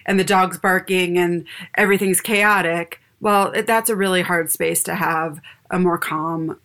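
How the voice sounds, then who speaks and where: A woman's voice: fairly low pitch, measured pace. A mother speaking frankly in an interview about her family life. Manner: frank, animated, acts out family arguments. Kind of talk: candid personal storytelling.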